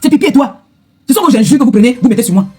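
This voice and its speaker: A woman's voice: fairly high pitch, lively intonation, racing, warm tone, husky, faint music behind. A middle-aged woman, an influencer, giving an angry, confrontational rant straight to camera, hammering the same retorts again and again. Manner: heated, repetitive, confrontational retorts. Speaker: social media influencer.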